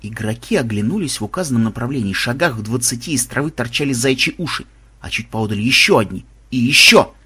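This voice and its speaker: A man's voice: medium pitch, lively intonation, a little fast, pushed and bright, breathy edge. A man reading a humorous adventure story aloud as an audiobook narrator, voicing each character's lines in turn.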